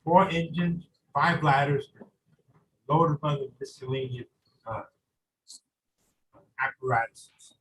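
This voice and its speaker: A fire chief giving formal testimony at a public hearing over a video call, his audio choppy and breaking up, speaking matter-of-factly with halting restarts. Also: fairly high pitch, fairly bright tone, a little hiss or hum, rough recording. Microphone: laptop mic at a distance on a video call.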